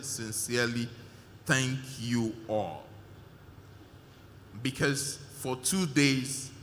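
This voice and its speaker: A man's voice: medium pitch, a bit bright, slight background noise. A man speaking as a conference organizer, giving an emphatic, repetitive vote of thanks with many fillers at a live event. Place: large conference hall. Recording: hall reverb with faint ambience.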